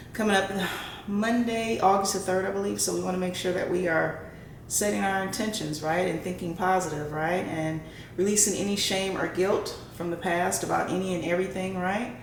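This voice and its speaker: A woman's voice: lowish voice, steady tone, moderate pace. A woman hosting a casual tarot and horoscope reading for her viewers, often checking in with a questioning "right?". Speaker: tarot reader and channel host. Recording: roomy echo, faint background noise.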